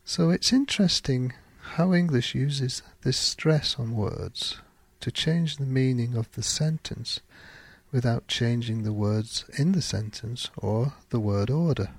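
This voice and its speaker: A man hosting a podcast, teaching English pronunciation in a slow, careful teaching monologue with clearly spaced example sentences. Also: medium pitch, no room sound.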